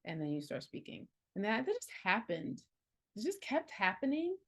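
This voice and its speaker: A woman in her forties, an herbalist and healing coach, speaks at medium pitch and a moderate pace with huge swings in pitch. Her talk is casual and reflective, earnest yet full of laughs and fillers.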